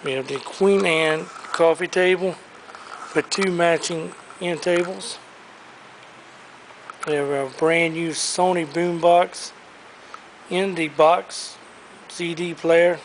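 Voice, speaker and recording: An auctioneer showing off lots in a big indoor warehouse speaks at a slow pace with frequent pauses, though his mood is upbeat and enthusiastic. His voice is steady and on the high side, recorded roughly, with a little hiss or hum, on the camera he carries.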